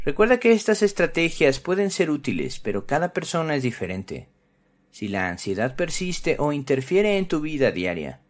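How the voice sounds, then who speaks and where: A man presenting scripted narration for children, instructive and speaking to them directly. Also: on the high side. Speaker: presenter of a children's psychology channel.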